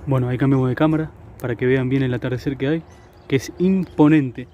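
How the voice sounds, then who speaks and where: On a riverbank, a young Argentine fishing vlogger chats casually and upbeat to the camera, often tagging his sentences with "eh." His medium-pitched, mellow voice has fairly even intonation and a brisk pace, though the audio is dull.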